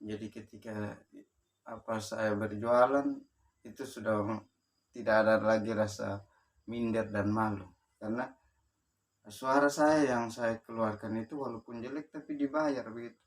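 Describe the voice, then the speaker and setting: A man from Sumba with a low voice recounts his life story in a halting way. He pauses often and restarts his sentences. His voice sounds distant, picked up from some way off the mic. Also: steady tone. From Sumba, eastern Indonesia. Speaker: motivational speaker. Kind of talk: personal life story told to camera.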